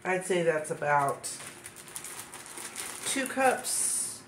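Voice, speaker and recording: A woman with a low voice and lively intonation speaks extremely slowly as a home cook vlogger doing a casual kitchen demonstration. Her nose is stuffed up, and she chats while working, thinking aloud with fillers. The kitchen recording is echoey, with background noise.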